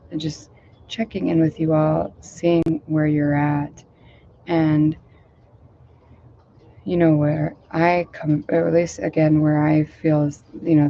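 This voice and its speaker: A woman meditation teacher leads a guided meditation in a casual, gentle way, rambling and using lots of fillers. Her voice is a little hoarse and low today, mellow and fairly flat. The lo-fi, dull recording was made outdoors, with faint noise in the background.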